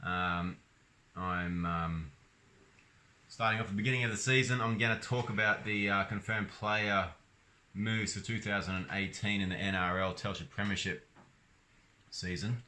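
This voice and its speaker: A man's voice: fairly low pitch, fairly even intonation, normal speed, long pauses, pushed and bright. A young Australian man talking casually about rugby league in his own vlog, rambling and hesitant with lots of ums and restarts. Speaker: sports vlogger.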